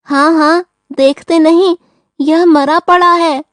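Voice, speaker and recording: A woman voicing a crafty male tortoise in a school audio drama, speaking clearly in a high voice. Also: fairly even intonation, takes it slowly, no room sound. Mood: fake grieving.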